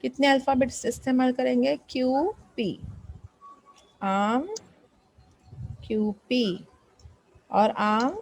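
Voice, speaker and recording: A woman's voice: high voice, fairly even intonation, takes it slowly, long pauses, no echo, poor audio. A woman math teacher explaining a lesson, patiently repeating questions and prompting students to answer.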